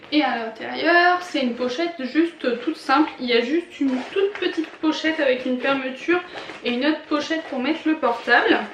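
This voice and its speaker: High-voiced chatty young woman vlogger. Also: a bit bright, roomy sound, a little hiss or hum. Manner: chatty, enthusiastic, frequent fillers and laughs. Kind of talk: casual haul vlog.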